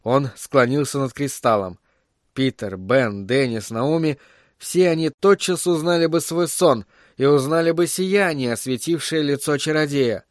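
A man reading a fantasy story aloud in a measured, even storyteller's voice. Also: a little high, dry recording, studio quality. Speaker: audiobook narrator. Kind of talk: scripted storybook narration.

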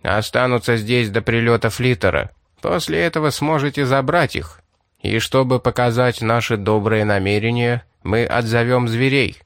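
A cold, scheming outlaw leader, read by a man narrating a story lays out his terms in a curt, businesslike way. His voice stays at an ordinary middle pitch. The recording is dry and close. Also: normal speed, clear, resonant tone, no room sound, natural voice.

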